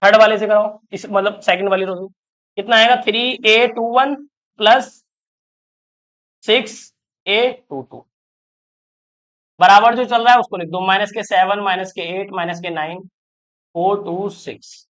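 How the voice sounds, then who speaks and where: High-voiced man teaching math. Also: steady tone, unhurried, pauses often, a bit bright. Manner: constantly checks if students follow, coaxing questions; talks through steps aloud, counting terms. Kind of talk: online classroom math lecture.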